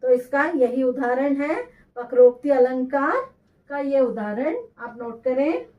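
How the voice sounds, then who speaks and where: A woman teaching Hindi grammar, explaining lines of verse slowly and carefully and repeating them. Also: high voice, expressive, far from the mic, dull audio. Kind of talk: explaining poetry examples in a lesson.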